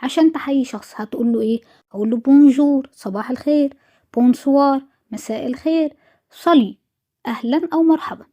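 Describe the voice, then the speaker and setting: A woman's voice: high voice, quick pace, warm tone. A woman with an Egyptian Arabic accent teaching French in an exam review, repeating each word and answering her own questions. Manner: drills words with repetition, asks and answers own questions.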